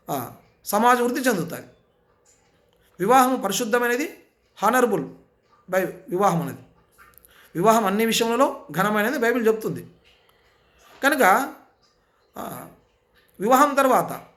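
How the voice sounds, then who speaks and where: A man's voice: sits high, a bit bright. A man preaching a sermon with insistent, repetitive rhetorical questions. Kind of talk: impassioned sermon.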